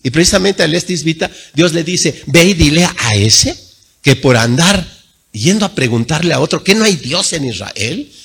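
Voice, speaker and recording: A male pastor delivering a sermon, swinging between loud emphatic peaks and low quiet asides. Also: expressive, moderate pace, vocal fry, husky.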